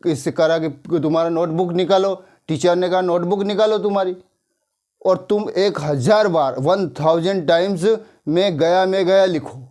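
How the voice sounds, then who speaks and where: A man's voice: high-pitched, mellow. A male English teacher from India giving a grammar lesson, talking casually, telling a moral story and checking in with his listeners again and again. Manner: conversational, repeats tag questions, slows down to dictate.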